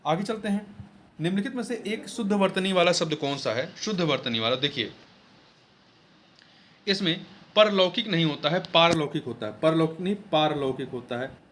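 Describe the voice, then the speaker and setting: Male exam coach, slightly high pitch, repeats each answer, self-questioning, faint background noise. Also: expressive, normal speed, long pauses, fairly bright tone. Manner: repeats key words and asks then answers his own questions. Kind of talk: explaining Hindi exam answers.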